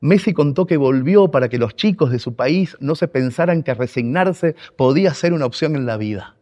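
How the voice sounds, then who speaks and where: A man's voice: mid-range voice, lively intonation, darkish tone. Heartfelt middle-aged Argentine man storyteller. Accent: Argentine Spanish. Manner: reflective, heartfelt storytelling with emphatic pauses. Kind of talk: narrated personal story on radio.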